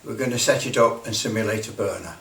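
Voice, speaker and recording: Speaking fast with a lowish, pushed, bright voice, a man demonstrates a hobby step by step in a casual way, narrating his actions and frequently saying things again. The recording has a roomy echo from a far-off microphone.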